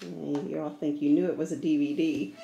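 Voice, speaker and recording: A woman's voice: low-pitched, steady tone, a little fast, creaky, lo-fi sound, music in the background. A woman hosting a casual family unboxing chat at home, chatty and thankful and often laughing. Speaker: family channel host, mother. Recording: roomy home room, faint noise.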